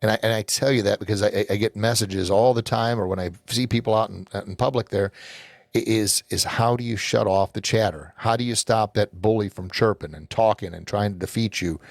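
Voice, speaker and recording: Earnest low-voiced man, motivational talk. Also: creaky, no echo, studio quality. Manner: earnest, rambling, repeats words when starting sentences. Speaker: podcast host and hockey coach. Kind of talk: motivational podcast monologue.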